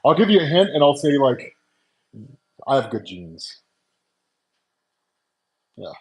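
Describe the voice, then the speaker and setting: A comics channel host in his forties, making coffee at home, talks loosely with live-stream viewers through wireless earbuds, with plenty of fillers and laughs. His medium-pitched voice swings widely in pitch and moves slowly, a little mellow, on poor audio.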